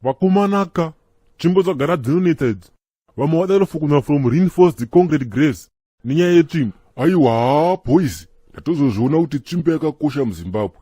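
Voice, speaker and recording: In a dry, studio-quality recording, an actor with a husky, fairly high male voice plays Chikombera, a chatty Zimbabwean cartoon apostolic church member. The comic dialogue is lively, and he talks fast and excitably, arguing and laughing as he goes.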